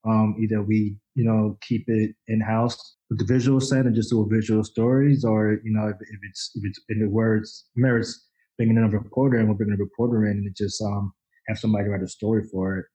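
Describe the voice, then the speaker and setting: A man's voice: fairly low pitch, flat delivery, brisk, dark tone, low-quality recording. A man in his forties from the Dominican Republic, a photojournalist guest chatting loosely with lots of fillers, restarts and casual swearing. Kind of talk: casual interview chat.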